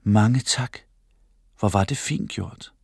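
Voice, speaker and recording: A man voicing a kind, elegant woman who speaks gently in an audiobook story. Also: on the low side, gravelly, breathy edge, dry recording, studio quality. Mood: grateful. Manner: gentle, warm-hearted.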